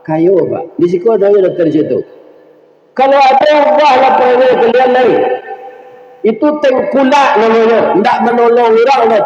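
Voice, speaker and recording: Minangkabau preacher in an echoey hall. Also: male voice, a little high. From West Sumatra. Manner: storytelling, mixing dialect with asides to the audience. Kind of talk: humorous sermon. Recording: echoey hall, dull lo-fi sound.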